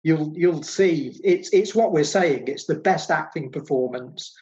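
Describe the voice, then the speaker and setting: Enthusiastic man, higher voice, lo-fi sound. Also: a little slow, a little mellow. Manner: enthusiastic, emphatic, repeats phrases. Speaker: film podcast co-host. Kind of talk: casual film discussion.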